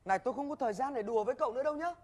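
A man playing a bossy, rapid-fire doctor. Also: very high-pitched. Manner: scolding, barking orders. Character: stern bossy male doctor, impatient. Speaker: comic actor. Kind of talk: live comedy sketch. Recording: live stage with audience laughter and noise.

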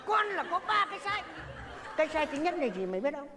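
A woman's voice: sits high, sing-song, a little fast, a crowd in the background, background noise. A woman acting a bossy, tipsy old patriarch who scolds and lectures his family in a stage comedy sketch. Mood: lecturing.

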